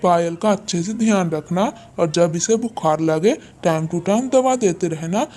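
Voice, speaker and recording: A woman's voice: lowish voice, measured pace, a little mellow, close to an everyday voice. A woman voicing a dutiful young male crow in a cartoon story, earnestly telling his mother to care for his wife. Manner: earnest, caring instructions.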